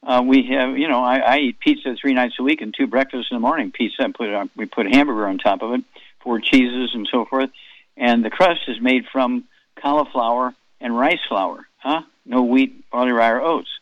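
A man's voice: mid-range voice, fairly even intonation, normal speed, no room sound, lo-fi sound. A man in his eighties hosting a radio health talk, rambling and folksy with chatty asides. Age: 80s.

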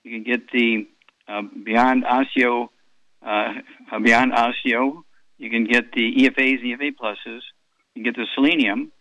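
A man's voice: mid-range voice, fairly even intonation, moderate pace, no echo, muffled recording. A man in his eighties hosting a call-in radio health show, rambling through product doses with many fillers and repeats. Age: 80s.

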